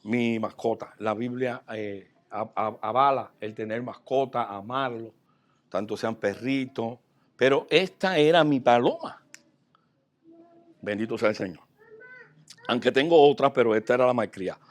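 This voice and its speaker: Animated male pastor preaching a story. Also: medium pitch, a little slow. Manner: animated, swinging from soft asides to loud outbursts. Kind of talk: sermon storytelling.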